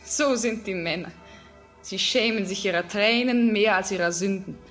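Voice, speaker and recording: An actress playing a gentle, earnest young daughter who speaks tenderly and anxiously in a classic radio play. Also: female voice, mid-range voice, moderate pace, close to an everyday voice. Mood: wry. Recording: radio drama with faint music.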